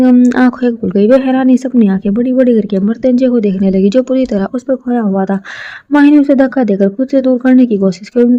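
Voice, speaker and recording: A woman's voice: a little high, dark tone, lo-fi sound. A woman narrating a romance story, reading steadily with small slips and restarts.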